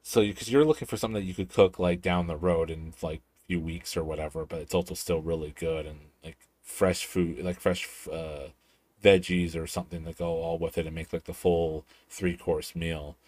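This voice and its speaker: A man's voice: low voice, fairly even intonation, moderate pace, a little mellow, no room sound. A man running a tabletop game as game master over voice chat, hesitant and thinking aloud. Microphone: home mic on voice chat.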